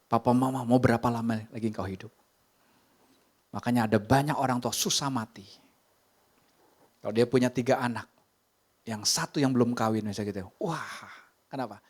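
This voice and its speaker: A man with an Indonesian accent preaching a sermon from a church stage, moving between lively emphasis and hushed whispers. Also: mid-range voice, moderate pace, pauses often. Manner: animated preaching, drops to whispers. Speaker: pastor. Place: church sanctuary.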